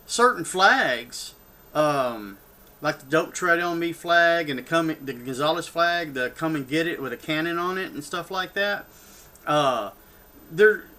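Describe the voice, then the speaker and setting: His voice is fairly high, bright, and forceful: an older political vlogger with a Texan accent who launches into a rambling, heated rant on his own channel, off the cuff, full of restarts and asides.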